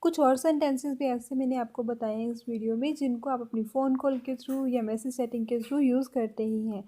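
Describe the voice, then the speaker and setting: A woman's voice: fairly high pitch, fairly even intonation, normal speed, warm tone. A woman teaching everyday phrases in a spoken language lesson, carefully repeating each example sentence.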